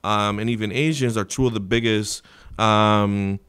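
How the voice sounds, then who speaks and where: A man's voice: fairly low pitch, fairly even intonation, measured pace, fairly bright tone, smooth. A man in his thirties, born in the Dominican Republic, a real estate agent guesting on a podcast, explaining earnestly with frequent restarts into a desk microphone in a small studio. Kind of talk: podcast interview. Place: small studio with wood-panel wall. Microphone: desk mic on stand.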